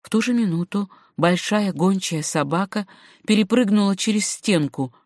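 A woman narrating a classic novel as an audiobook in a measured, even storytelling manner. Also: mid-range voice, no echo, clean studio sound.

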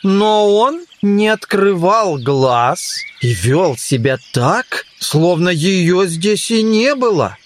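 A narrator reading a storybook audiobook in a calm, measured way, with music behind. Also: medium pitch, slight background noise. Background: background music.

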